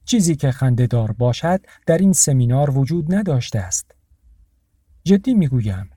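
A man's voice: a little high, warm tone, no echo, studio quality. A man voicing a cold, disapproving businessman in an audiobook. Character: cold, formal male entrepreneur.

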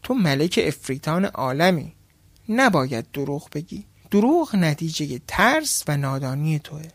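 A man's voice: fairly high pitch, big pitch swings, fairly bright tone, no echo, full character voice. A man voicing a poor, clever male fisherman who talks slyly and mockingly. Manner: sly and mocking.

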